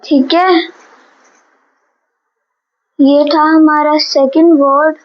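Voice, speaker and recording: A woman's voice: sits high, flat delivery, extremely slow, dull audio. A woman teacher giving a vocabulary lesson, patiently explaining each word and switching between Hindi and English.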